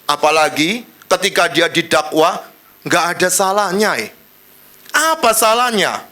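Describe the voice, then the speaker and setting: Male pastor, high bright voice, playful and dramatic delivery. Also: sing-song, measured pace. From Indonesia. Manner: joking, dramatic sermon with sudden shifts in pace and loudness. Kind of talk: sermon.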